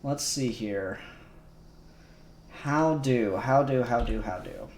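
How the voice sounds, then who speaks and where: A man with a mid-range, slightly mellow voice speaks slowly. He's co-hosting a relaxed livestream, thinking aloud, rambling, and laughing while he does 3D modelling, in an echoey room where faint music plays.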